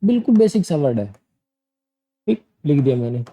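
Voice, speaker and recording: A young man teaches a coaching lesson. His voice sits high, yet its tone is dark and mellow, and he explains each point plainly, repeats himself and keeps checking in with his students. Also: sing-song, moderate pace, low-quality recording. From India. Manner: explanatory, repetitive, addresses students directly. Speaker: PTE exam coaching teacher. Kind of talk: classroom lesson explaining exam tasks.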